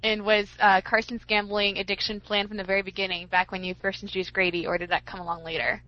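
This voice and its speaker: A woman's voice: mid-range voice, level tone, fast talker, dull audio. A woman hosting a casual podcast, reading listener questions aloud in an upbeat way.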